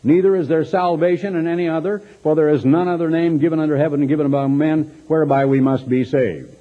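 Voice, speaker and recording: A man with a Texas accent preaches a sermon, reading scripture and commenting on it emphatically and dramatically, with rhetorical questions and mocking asides. He talks fast in a fairly high voice with fairly even intonation. The sermon recording is dull and lo-fi.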